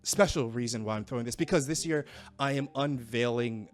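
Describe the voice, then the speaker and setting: A man's voice: mid-range voice, soft background music, natural voice. Stammering young brewer hosting a party in a fantasy tabletop game, played by a man, eager and jittery. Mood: showman. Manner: stammering, halting. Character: young male student brewer, eager and nervous.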